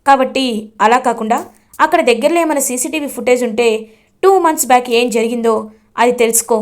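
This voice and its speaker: A stern man gives orders and demands answers, firm and direct. A woman narrator reads his lines in her own high voice. Her delivery stays plain, with little change for the role. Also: a little fast, natural voice. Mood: commanding. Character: stern officer husband, firm and commanding.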